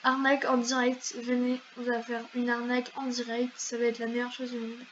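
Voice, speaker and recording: A woman's voice: on the high side, monotone, fairly quick, slight background noise. A woman chatting casually over her gameplay as a YouTuber, in a slangy way full of fillers. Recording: slightly dull lo-fi mic.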